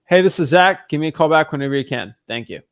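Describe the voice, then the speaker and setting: A man leaving a brisk, upbeat voicemail for a home seller, asking for a call back. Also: fairly high pitch, lively intonation, fairly bright tone, smooth, no echo, clean studio sound. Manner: brisk, upbeat phone message. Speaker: real estate wholesaler cold calling sellers.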